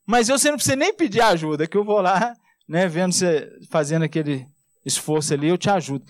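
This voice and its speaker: A Brazilian man preaching, with a high tenor voice and a close, dry sound with no room echo. He talks to his congregation conversationally and keeps checking in with quick tag questions. He stretches his key words slowly and low, then speeds back up. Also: animated. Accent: Brazilian Portuguese. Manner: slows and drops low on key words, then rises fast. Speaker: pastor. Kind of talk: sermon.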